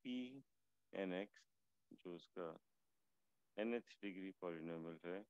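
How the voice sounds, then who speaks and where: A male lecturer with a hoarse voice, teaching a math class online slowly and haltingly, with many fillers. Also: low voice, a little mellow, dry recording, dull audio. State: hoarse, fasting.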